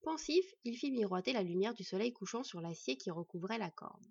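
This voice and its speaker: A woman calmly narrating a fantasy audiobook. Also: medium pitch, brisk, creaky, breathy edge, no echo, lo-fi sound.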